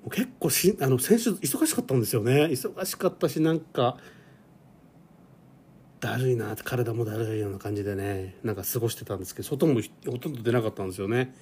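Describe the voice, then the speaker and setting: A man's voice: mid-range voice, fast talker, a little mellow, slight background noise. A man in his forties hosting a casual solo podcast, rambling and self-deprecating with lots of fillers. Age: 40s. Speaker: podcast host. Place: home.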